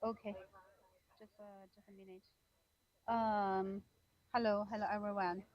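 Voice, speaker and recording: A woman reading a prepared personal story in a halting, deliberate way on a call from a train. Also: mid-range voice, level tone, no echo. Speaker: community member sharing a story. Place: on a moving train. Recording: dull online call, noisy train background.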